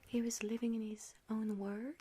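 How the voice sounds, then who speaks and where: A woman's voice: on the high side, flat delivery, moderate pace, warm tone, slight background noise, natural voice. A young woman playing a gleeful young witch who casts hexes, in a whispered role-play, with a playfully sinister, giggly, chatty manner. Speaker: ASMR creator.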